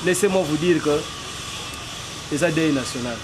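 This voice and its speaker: On a busy city street with traffic passing, a man in his forties answers a street interview in French and Lingala. His voice is on the high side and his pace is normal, and his earnest answers build toward emphatic, rhetorical declarations.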